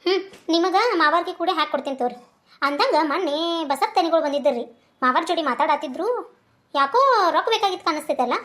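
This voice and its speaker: Woman doing cartoon village mother, North Karnataka Kannada accent, very high voice, fast, nagging. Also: fairly bright tone. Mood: calm. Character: worried village mother, middle-aged, tired and scolding. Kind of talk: cartoon dubbing.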